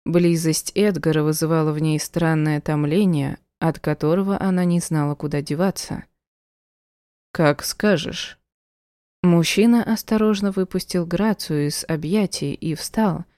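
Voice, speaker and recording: A woman narrating a romance audiobook in an even, measured reading. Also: on the low side, no room sound, clean studio sound.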